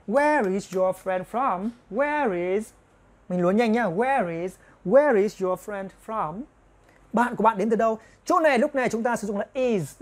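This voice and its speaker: A woman teacher walks her viewers through a grammar lesson at an even, middle pitch. She slows way down to drill each example phrase, repeats it several times, and keeps checking in with the viewers. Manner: explains step by step, often asking the viewers "right?". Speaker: English teacher.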